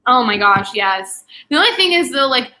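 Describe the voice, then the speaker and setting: A young woman talks through a book on a casual livestream, rambling with plenty of "like"s. Her voice is bright and sits a little high. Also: lively intonation. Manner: chatty, many "like" fillers, quick asides. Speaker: booktube host.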